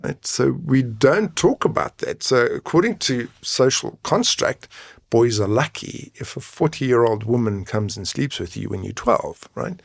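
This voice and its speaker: As an interview guest, a men's mental health coach and advocate explains things frankly and conversationally, often tacking on tag questions to check his points. His medium-pitched voice has lively intonation, vocal fry and a slightly slow pace, captured in a dry, studio-quality recording.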